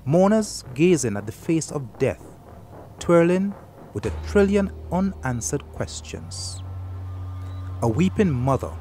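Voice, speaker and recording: Man, documentary narrator, solemn, slow, mellow, soft music behind. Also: a little high, very animated, slight background noise. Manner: solemn, measured. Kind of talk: scripted narration.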